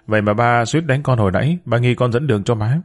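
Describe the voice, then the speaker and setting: A man's voice: medium pitch, fast talker, close to an everyday voice. A man voicing a young son who answers his mother hesitantly. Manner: hesitant, polite.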